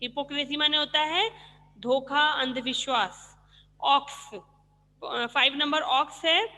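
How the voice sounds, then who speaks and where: Bright-voiced woman teacher, echoing room. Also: high voice, steady tone, slow. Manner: explains patiently, asks questions and answers them herself. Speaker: school teacher. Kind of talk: online class lesson explaining vocabulary.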